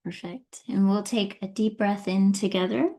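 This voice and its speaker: Gentle woman guiding a yoga class. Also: medium pitch, steady tone. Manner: gentle, soothing, unhurried guidance. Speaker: yin yoga teacher. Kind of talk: guided yoga class instruction.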